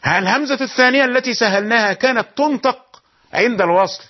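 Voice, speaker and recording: Man, high voice, recitation teacher, explains then chants verses slowly, dull lo-fi sound. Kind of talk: tajweed lesson with chanted verses.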